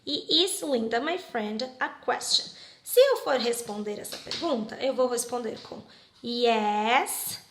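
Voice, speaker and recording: A woman from Brazil teaching English grammar at an unhurried pace, with a slightly high, bright voice. She explains each rule step by step and keeps checking that her students follow. The sound is roomy and echoey. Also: a little hiss or hum. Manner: slow, patient, explains step by step with frequent check-ins. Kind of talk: classroom grammar lesson.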